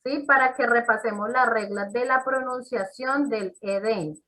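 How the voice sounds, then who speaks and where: Slow, patient woman teacher. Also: fairly high pitch, sharp tone, rough recording. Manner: patient, explains step by step and checks in with students. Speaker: English teacher. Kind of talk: online class instruction. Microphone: video call.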